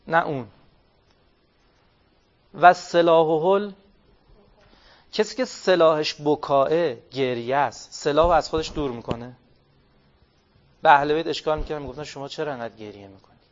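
A man giving an interactive religious talk, asking his listeners questions, answering them himself and drawing out key phrases slowly. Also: fairly high pitch. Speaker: religious speaker. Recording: dull lo-fi recording.

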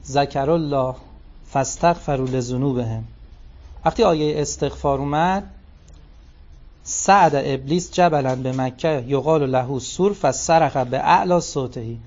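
A man's voice: mid-range voice, darkish tone. A man giving a scripture commentary lecture, reciting passages in Arabic and then explaining them in casual speech. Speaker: religious lecturer. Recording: dull lo-fi recording.

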